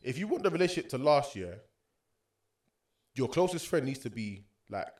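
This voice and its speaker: Cohosting a podcast, this young Londoner speaks in urban roadman slang, full of opinions and frequent street-style tag questions in casual chat. His mid-range voice is very animated and darkish, moving at a moderate pace.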